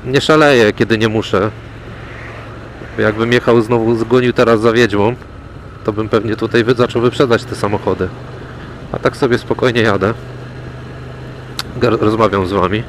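A man chatting casually to viewers while riding a motorcycle through city traffic, relaxed, with wry remarks about other drivers. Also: on the low side, normal speed, long pauses, rough recording. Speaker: motovlogger. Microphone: helmet mic. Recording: clear road and engine noise. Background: road and traffic noise.

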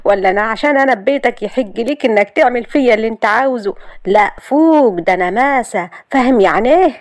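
Woman reading as a feisty young bride, mocking retorts, high-pitched, dry recording. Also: fast talker, dry recording, close to an everyday voice. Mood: indignant. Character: feisty young Upper Egyptian bride, sharp-tongued. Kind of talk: storytelling.

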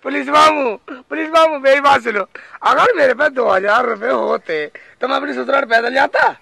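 A man's voice: extremely high pitch, moderate pace, creaky, bright, forceful tone, dry recording, heavily acted. A man playing Shekhchilli, a simple-minded bumbling village fool, pleading and rambling in a comedy sketch.

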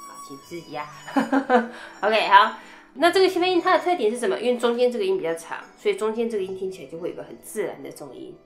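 A woman's voice: medium pitch, very animated, quick pace. Chatty woman flute teacher, echoey room. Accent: Taiwanese Mandarin. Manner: chatty, explains step by step with sung rhythm syllables. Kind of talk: instrument technique lesson. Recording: echoey room, faint music.

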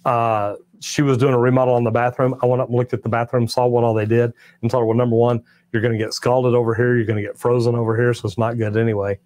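A fast-talking older man with a Texan accent speaks at medium pitch with a flat delivery and a slightly mellow tone, with no room sound. He's a master plumber hosting a casual livestream, answering chat questions as a folksy, plainspoken, drawling storyteller. He's on a studio set with shelves of tools and merch, miked with a clip-on lapel mic.

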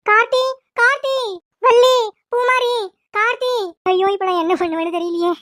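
A woman's voice: very high-pitched, little pitch movement, brisk, no echo, studio quality. A woman voicing a frantic, anxious mother in a cartoon, pleading and wailing in panic. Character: frantic anxious mother, later a scheming grandmother. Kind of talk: cartoon voice acting.

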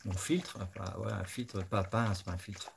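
A man hosts a live stream in a relaxed, chatty way, thinking aloud as he goes. His voice sits low and has a rough, gravelly texture. He addresses his viewers directly. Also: normal speed, background noise. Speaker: host of a live scale-modeling stream. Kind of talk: casual live-stream chat.

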